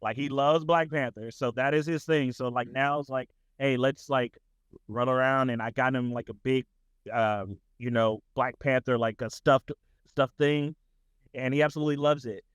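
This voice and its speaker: A man's voice: mid-range voice, fairly even intonation, normal speed, clean tone, dry recording. A man who works as a tutor director, talking casually as a podcast guest in a loose, rambling way full of "like" and restarts.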